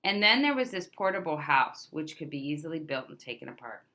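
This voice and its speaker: Addressing young listeners directly, a read-aloud presenter reads a nonfiction picture book briskly and expressively, with emphatic stresses and big pitch swings. Her voice sits a little low but comes across clearly bright and forward.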